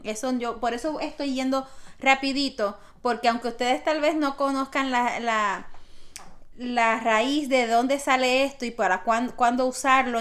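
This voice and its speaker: A woman's voice: a little high, fairly bright tone. A woman teaching a grammar lesson, patiently explaining step by step with spoken examples. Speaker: Spanish teacher.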